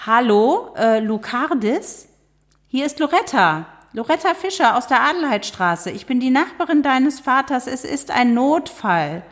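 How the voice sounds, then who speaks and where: A woman voicing a shrill, loud older female neighbor on the phone in a novel reading. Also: lively intonation, measured pace. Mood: urgent.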